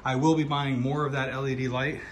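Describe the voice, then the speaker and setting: A man's voice: medium pitch, flat delivery, a little fast. Guy rambling about his new loft studio, lots of uhs, mid voice, bit of hiss. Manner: loose, rambling, lots of fillers. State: out of breath. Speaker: channel host. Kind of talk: casual vlog update. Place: home loft room being set up as studio.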